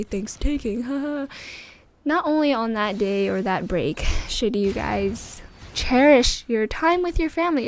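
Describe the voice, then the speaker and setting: A young woman with a sore throat giving casual gameplay commentary, chatty and rambling, her voice rough and strained. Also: a little high. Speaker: gaming commentator.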